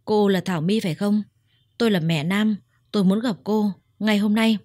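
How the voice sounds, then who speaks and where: A woman's voice: medium pitch, moderate pace, dark tone, no room sound, clean studio sound, natural voice. A woman voicing a stern, protective older mother-in-law who speaks firmly and bluntly. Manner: firm, blunt scolding.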